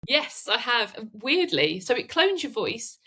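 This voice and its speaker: A woman guest on a podcast who chats in a lively way and often laughs. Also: on the high side, a little slow, husky. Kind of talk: casual interview chat.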